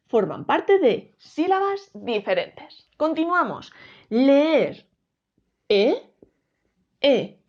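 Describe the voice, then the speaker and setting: A woman teaching a grammar lesson, explaining slowly and clearly, splitting words into syllables and speaking straight to viewers. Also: high voice, dull audio. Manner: addresses viewers directly, asks rhetorical questions.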